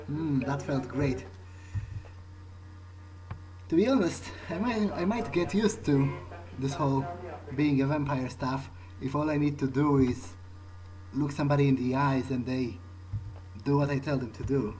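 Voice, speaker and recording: Role-playing his character in a game playthrough, a man improvises with hesitation, thinks out loud, and repeats himself. He talks unhurriedly at a medium pitch. The audio is poor, with clear background noise.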